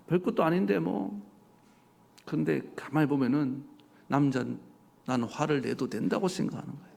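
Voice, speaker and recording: A male pastor delivering a sermon, animated and full of rhetorical questions to his congregation. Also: fairly high pitch, vocal fry. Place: church sanctuary. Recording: church hall reverb.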